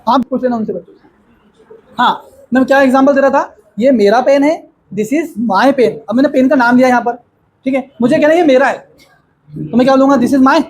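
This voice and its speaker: High-voiced man teaching a class. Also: poor audio. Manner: explains slowly with repeated questions to students. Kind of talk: classroom grammar lesson.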